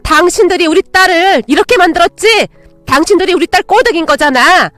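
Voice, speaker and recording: A woman voicing a greedy, harsh older mother who shouts and scolds her own daughter. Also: high voice, brisk, no echo, faint music behind. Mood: furious.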